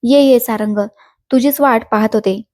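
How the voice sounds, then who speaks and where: A woman's voice: a little high, steady tone, normal speed, darkish tone, no room sound, lightly acted. A woman voicing a mocking, domineering older madam. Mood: gloating. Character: scheming older woman running a brothel.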